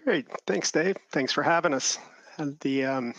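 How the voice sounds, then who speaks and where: A man presenting a business talk off the cuff, stopping often for ums and restarting his sentences. His voice has a gravelly fry and a bright edge, with a dry, close sound. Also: on the high side, unhurried, dry recording, poor audio. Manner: hesitant, many ums and restarts. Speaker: software company founder presenting.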